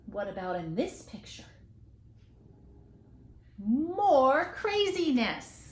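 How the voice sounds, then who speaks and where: This woman's high, sing-song voice carries a picture book to young children, each important word stretched and stressed for drama, with chatty asides along the way. A little hiss or hum sits under the echoey, roomy sound.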